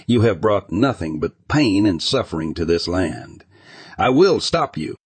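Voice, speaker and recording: A man's voice: low voice, very animated, a little slow, breathy edge, no echo, exaggerated voice. A man voicing a stern, proud old male dragon in an audiobook, speaking in a firm, growling manner. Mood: cold defiant.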